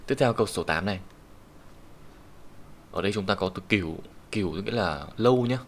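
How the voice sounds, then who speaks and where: Low-voiced Vietnamese man teaching kanji. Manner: patient, explanatory, reads Japanese sentences slowly. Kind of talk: online lesson explaining kanji readings. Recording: faint background hiss and keyboard typing.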